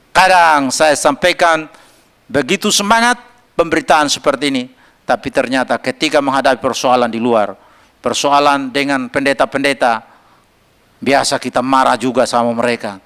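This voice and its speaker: A pastor preaching to his congregation in a church service, his voice gravelly and mid-pitched. He talks in a lively, joking way and slips into song to make his point. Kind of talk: sermon.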